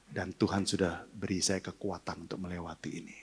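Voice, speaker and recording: A man's voice: deep voice, level tone, brisk, husky. An older male pastor preaching a sermon, sharing an emotional personal testimony and leading a congregation in prayer.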